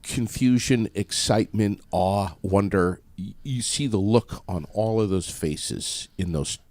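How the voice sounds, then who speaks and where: A man interviewing a guest conversationally, with animated and somewhat dramatic phrasing. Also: on the low side, measured pace, dry recording.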